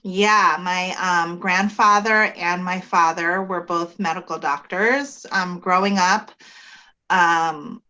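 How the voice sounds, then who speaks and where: Lady naturopath talking from her office, bright but kinda low voice, steady with lots of ums, dull muffled sound. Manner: measured, with frequent ums. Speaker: naturopathic physician guest. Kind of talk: explanatory interview talk.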